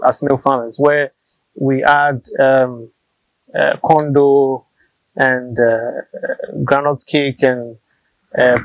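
A man in his thirties with a Ghanaian English accent, a snail farmer, explains his farming practice in an open-sided farm shelter outdoors. His mid-range voice is recorded dry on a lapel mic with poor audio, and he speaks patiently and practically, often repeating words.

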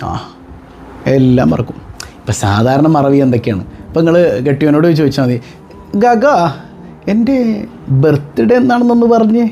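A religious teacher gives an animated talk to his followers, packed with rhetorical questions and joking asides. His voice is fairly high, with a little hiss or hum on the recording.

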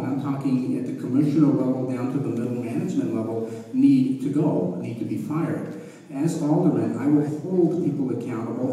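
A man's voice: mid-range voice, dark tone. A man, a candidate, giving a firm, emphatic debate answer. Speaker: aldermanic candidate. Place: large hall with stage. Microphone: far phone camera. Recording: echoey hall from far off.

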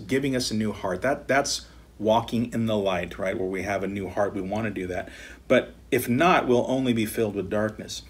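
A middle-aged American man, a pastor teaching Bible study from his home office desk, earnestly reading scripture aloud with slow emphasis. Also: mid-range voice, breathy edge.

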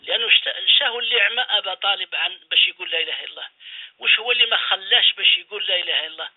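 A man's voice: high-pitched, racing. A man, an imam, preaching a radio sermon, exhorting his listeners with repeated phrases and rhetorical questions. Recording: phone-line radio call-in.

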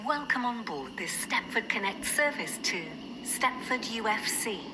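An automated train announcement voice of a woman, built from words spliced together, speaking in slow, measured phrases. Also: on the high side, very animated. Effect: spliced together words, pieced from separate recordings. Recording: loud train noise behind the voice. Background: train running noise.

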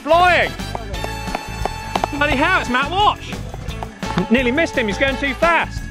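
A man hosting a vlog from a windy hillside road, shouting encouragement at passing riders and joking about himself. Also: very high-pitched, animated, normal speed. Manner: loud cheering, jokey and self-mocking. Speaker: vlogger host. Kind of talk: roadside commentary and banter. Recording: music playing under the voice.

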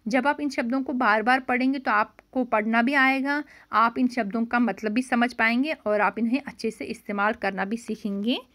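Woman teacher, slightly high voice, patient, repeats and explains words for young learners. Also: moderate pace, hardly any pauses, fairly bright tone. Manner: explains each word by mixing in English glosses. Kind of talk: classroom vocabulary lesson.

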